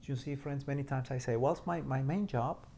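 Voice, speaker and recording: A man's voice: mid-range voice, normal speed, creaky, mellow, a little hiss or hum. A man gives a short homily in a mid-range voice. He speaks earnestly as a priest and often repeats words while he looks for the next one. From Mexico.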